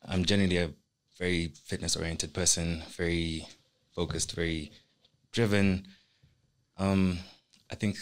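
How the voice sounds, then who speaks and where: A man's voice: sits low, creaky. A young man speaking as a guest on a studio podcast, talking earnestly and reflectively about his work. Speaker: guest, artist. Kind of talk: casual podcast conversation. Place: small indoor podcast studio. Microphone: studio microphone on a stand.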